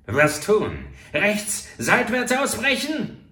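A man voicing a nervous, rough murderer on the run, in a storybook reading, with high, agitated outbursts. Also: very animated, drawn-out words, bright, forceful tone, exaggerated voice. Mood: alarmed, frantic. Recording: roomy, far from the mic.

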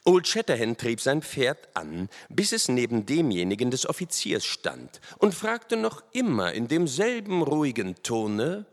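A man reading an adventure story aloud as the narrator, expressive and storytelling. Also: medium pitch, unhurried, hardly any pauses. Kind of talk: audiobook narration. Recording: long hall reverb.

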